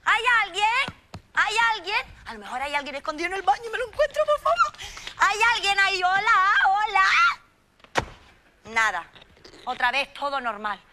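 A woman playing an excitable, nosy hotel maid in a TV comedy sketch, gossiping, shrieking and pleading melodramatically. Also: very high-pitched, moderate pace, very noisy. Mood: gossipy.

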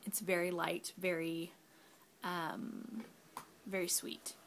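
A woman's voice: fairly low pitch, flat delivery, takes it slowly, gravelly, a little hiss or hum. A young woman, a mother at home, chatting casually through a candle review, rambling with fillers and sometimes dropping to a whisper. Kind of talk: casual product review vlog. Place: home, kids nearby.

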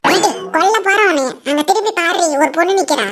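A woman's voice: extremely high pitch, lively intonation, fast, noisy background. A woman voicing a bossy, scolding old village mother-in-law in a cartoon. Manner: bossy, scolding, sharp commands. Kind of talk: cartoon voice acting. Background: background music.

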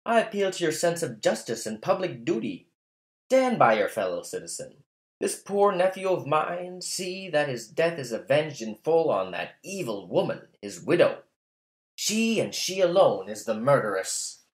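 A man's voice: a little high, sing-song, normal speed, voice pushed up. A man reading as an old man pleading for vengeance. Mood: accusing. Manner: impassioned pleading oratory. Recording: roomy echo.

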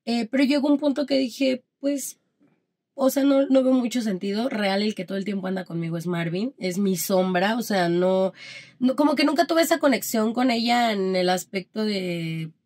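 A woman's voice: mid-range voice, normal speed. A woman with a Mexican Spanish accent, a guest in a casual interview, telling stories and acting out the dialogue in them. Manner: animated storytelling that acts out quoted dialogue.

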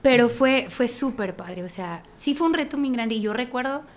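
A worship leader with a Mexican accent and a fairly high voice tells a story in lively conversation at normal speed. She laughs often and restarts her phrases with emphasis.

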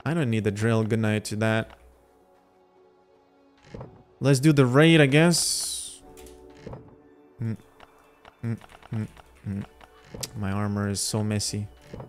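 A man from Lithuania, casually commenting on gameplay and chatting with his viewers. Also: on the low side. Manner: chatty, thinking aloud, talks to chat. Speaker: gaming livestreamer.

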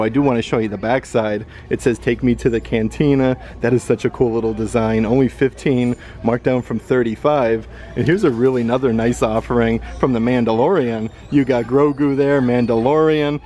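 A man's voice: medium pitch, steady tone, normal speed, hardly any pauses, a little mellow. A man vlogging a casual walkthrough of a store, upbeat and chatty as he reads off prices, with frequent fillers like "uh" and "like". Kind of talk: casual shopping walkthrough narration. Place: indoor retail store.

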